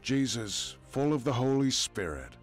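Scripture storyteller for a game, male actor: solemn, formal, mid-range, clear musical backing. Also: medium pitch, very animated, measured pace, faint music behind. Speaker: narrator.

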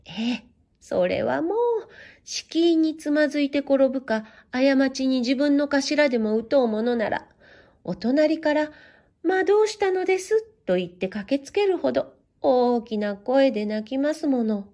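A woman reading a children's story aloud in gentle, measured, old-fashioned storybook narration. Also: sits high.

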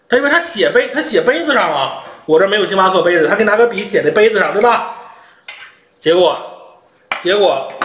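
Male vlog host, animated humorous storyteller, echoey room. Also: high-pitched, a little hiss or hum. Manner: chatty, animated, humorous anecdotes. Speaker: international education channel host.

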